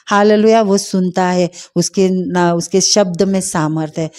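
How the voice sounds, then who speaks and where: A middle-aged woman telling a personal faith testimony, heartfelt and hesitant, pausing often with fillers. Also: mid-range voice, dark tone. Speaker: testimony speaker.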